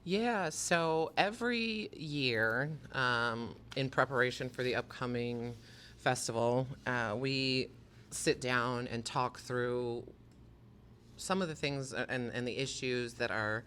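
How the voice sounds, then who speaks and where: A man's voice: mid-range voice, a bit bright, a little hiss or hum. A man who organizes a pride festival, speaking passionately and emphatically as a podcast interview guest at a museum. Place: museum near a university campus.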